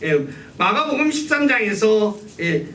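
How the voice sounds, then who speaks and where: Male pastor, bright voice, animated sermon delivery, heard from a distance in a reverberant church with a faint rumble. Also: measured pace. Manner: asks the congregation questions and answers them. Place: church sanctuary.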